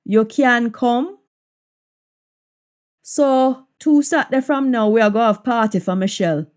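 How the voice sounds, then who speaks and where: A woman with a Jamaican accent giving a language lesson, deliberately saying and repeating practice sentences in Jamaican Patois. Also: on the high side. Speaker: language teacher.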